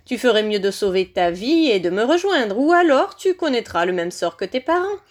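Brief: cold shrill male villain, as a woman narrator voices him; hissing, high, audiobook. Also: big pitch swings. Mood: coldly menacing. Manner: slow, hissing and cold, then screeching. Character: shrill menacing male dark wizard face. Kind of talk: audiobook character voice.

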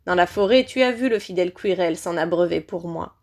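A woman voicing a menacing male dark wizard in a high, shrill voice, speaking slowly and coldly, in an audiobook reading. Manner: slow, hissing and cold, then screeching. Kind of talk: audiobook character voice.

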